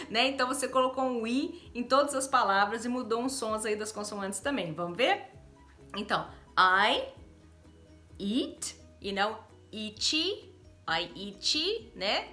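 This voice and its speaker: A Brazilian woman teaching English in a casual online lesson, cheerful, laughing often and slowly drilling example phrases. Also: a little high, expressive, sharp tone, faint music behind. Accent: Brazilian Portuguese. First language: Portuguese.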